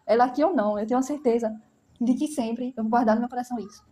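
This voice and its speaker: Young woman, vlogger, rapid blunt testimony with a warm, fairly high voice. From Brazil. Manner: blunt, emphatic storytelling with frequent "entendeu?". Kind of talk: personal testimony to camera.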